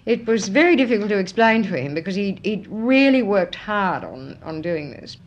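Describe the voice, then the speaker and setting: A woman's voice: mid-range voice, sing-song, normal speed. A woman telling a wry anecdote in an interview. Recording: muffled tape with faint hiss.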